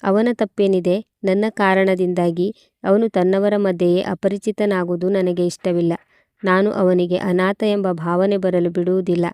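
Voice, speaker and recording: A woman's voice: on the low side, flat delivery, measured pace, dark tone, smooth, no room sound, clean studio sound, close to an everyday voice. A woman voicing a young widowed mother who speaks firmly and directly in a storybook narration. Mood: resolute. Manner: firm, direct.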